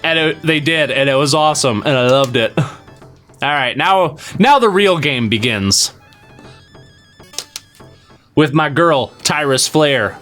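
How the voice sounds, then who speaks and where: A man with a slightly high, bright, forward voice talks casually through a live game stream. He rambles, uses fillers and the occasional swear, and talks straight to his chat. Soft game music plays faintly behind him. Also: moderate pace. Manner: talks to chat while playing.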